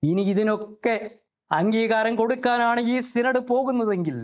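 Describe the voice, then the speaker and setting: An older Malayali man speaks straight to camera in a high, ringing voice. He declaims with indignation and challenges his opponents by name. The recording is from a small indoor studio set. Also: moderate pace. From Kerala, India. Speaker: lawyer and commentator. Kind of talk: direct-to-camera commentary. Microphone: fixed camera, head-and-shoulders framing.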